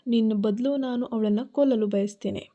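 A woman's voice: fairly high pitch, normal speed, warm tone, highs cut off, lightly acted. A woman voicing a middle-aged father who pleads anxiously to save his daughter. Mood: pleading.

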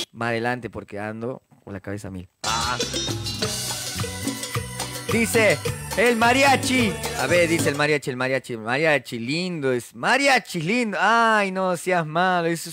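A man's voice: on the high side, fairly bright tone, no room sound. A man with a Salta Argentine accent, chatting casually on a live stream, reading out viewer comments and greeting people with jokes. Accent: Salta Argentine Spanish. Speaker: musician hosting a live stream.

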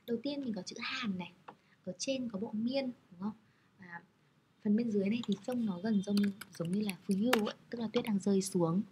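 A woman's voice: medium pitch, moderate pace, dark tone, slight background noise. A woman teaching Japanese characters, explaining patiently in a friendly, step-by-step way. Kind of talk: explaining lesson over slides.

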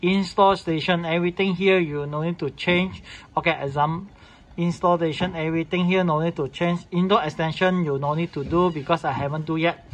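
In a clearly noisy room, a man demonstrates a device setup step by step, informally and without a script. His voice is on the high side with fairly even intonation, and he talks a little fast. His phrasing is clipped, repetitive and non-standard English.

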